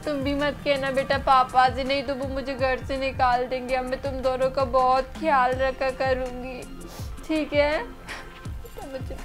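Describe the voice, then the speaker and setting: A woman's voice: little pitch movement, measured pace, music in the background. A young woman acting a lazy, careless mother who scolds her children in a home-made family skit. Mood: apologetic. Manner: scolding, shrill when shouting.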